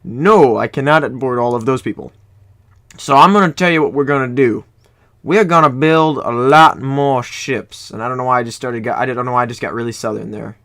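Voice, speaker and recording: Here an Ohio gaming YouTuber, young and male, comments on his strategy game from a home room, speaking quickly in a gravelly, fairly bright, medium-pitched voice. He meanders, fixes his own slips, and keeps things jokey.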